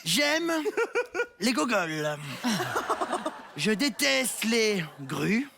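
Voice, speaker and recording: A man playing a slow old riddle-setting keeper, in a noisy TV studio. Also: high voice, sing-song, vocal fry, full character voice. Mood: mysterious.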